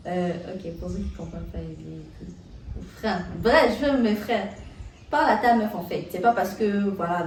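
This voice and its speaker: A young woman telling a story in a casual, animated way, full of slang and restarts, as a vlogger. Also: medium pitch, recorded from a distance, a little hiss or hum. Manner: animated, excitable retelling with slang. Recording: roomy echo, set back from the mic.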